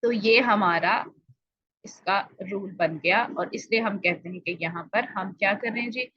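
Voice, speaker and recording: Bright-voiced woman teaching Quran recitation. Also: medium pitch, breathy edge, no echo, highs cut off. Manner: explanatory, asks and answers own questions, drawn-out example words. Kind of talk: online tajweed lesson.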